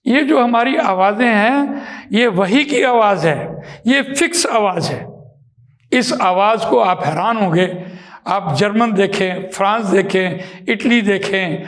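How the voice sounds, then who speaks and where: A man teaching Quran recitation in a slow, patient lesson, drawing out vowels and words to demonstrate them. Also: high voice, a bit bright. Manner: patient, repeats points with examples.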